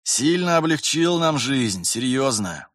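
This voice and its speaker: A man playing a gruff weary veteran officer. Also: mid-range voice, big pitch swings, slow, fairly bright tone, dry recording, studio quality, pitched above the performer's own voice, heavily acted. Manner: grumbling, curt, lecturing.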